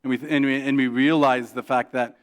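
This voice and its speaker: A man's voice: mid-range voice, steady tone. A male pastor preaching a sermon in a conversational way, often asking "right?" and restarting his sentences. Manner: acts out quoted prayers in a soft, hushed voice; halting restarts and repeated words.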